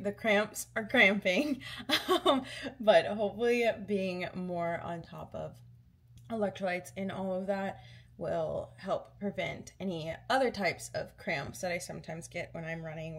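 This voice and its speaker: A woman chatting casually to camera as a vlogger, in an informal, everyday way. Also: on the low side. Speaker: running vlogger.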